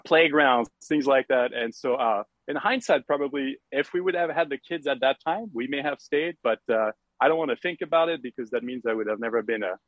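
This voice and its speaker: A man's voice: medium pitch, brisk, few pauses, no room sound, dull audio. A middle-aged man from France with a French accent, chatting casually as a podcast guest with many fillers and easy laughter. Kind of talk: casual interview chat.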